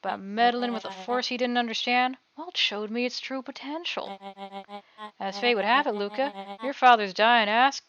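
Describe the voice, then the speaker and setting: Woman putting on a smug, measured villain scientist. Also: fairly high pitch, close to an everyday voice. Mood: gloating, cold. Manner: condescending, measured villain monologue with drawn-out words. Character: smug, scheming villain scientist in a youthful body. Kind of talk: game dialogue read aloud. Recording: dull, lo-fi mic under game music.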